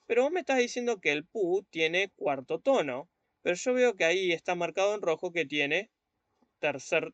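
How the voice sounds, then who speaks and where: A man teaching an online language lesson, patient, repeating words slowly and often checking that students follow. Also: fairly high pitch, a bit bright, no room sound. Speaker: Chinese teacher.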